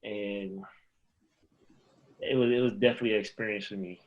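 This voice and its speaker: A man from the Chicago area with a fairly low voice, talking through a long personal story on a podcast. He rambles, backs up and restarts, and acts out what people said to him. The audio is dull and a little lo-fi. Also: fairly even intonation, moderate pace. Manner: rambling, acts out remembered dialogue. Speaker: podcast guest, former pro basketball player. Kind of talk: casual storytelling interview.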